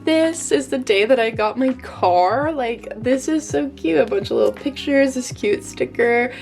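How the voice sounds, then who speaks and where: A young American vlogger gushes in a casual chat, using a valley girl delivery full of "like" and "totally cute." Her voice sits high with lively intonation, unhurried and a little mellow, over background music.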